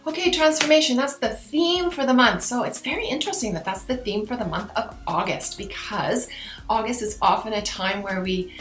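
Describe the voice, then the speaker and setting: Chatting to her viewers in a mystical, new-age manner, a woman who hosts her own tarot and oracle channel gives a card reading to camera like a fortune teller. Her slightly high, somewhat bright voice moves at a normal speed, in a roomy space with soft background music.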